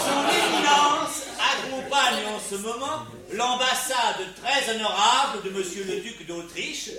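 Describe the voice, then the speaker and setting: A man's voice: extremely high pitch, sharp tone, heavily acted. An actor playing a pompous male playwright who ceremoniously declaims to a crowd in a radio drama. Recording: echoey hall, distant, noisy crowd.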